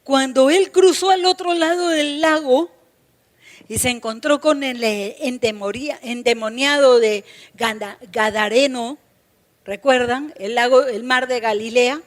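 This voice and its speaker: A woman's voice: high voice, measured pace. A woman pastor preaching a sermon, emphatic, repeating key phrases and speaking straight to her congregation. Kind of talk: Pentecostal-style sermon.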